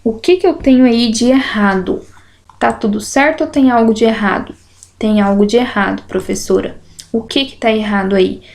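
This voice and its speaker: A woman teacher with a slow, didactic way of talking, going through exercises in a lesson and stretching out syllables to make her points. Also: on the high side, a little mellow. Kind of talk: explanatory lesson, correcting exercises.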